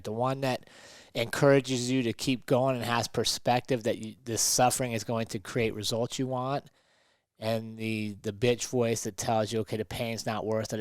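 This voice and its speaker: A man co-hosts a motivational podcast, speaking emphatically and often checking in with rhetorical questions. His voice is medium in pitch, with no room sound.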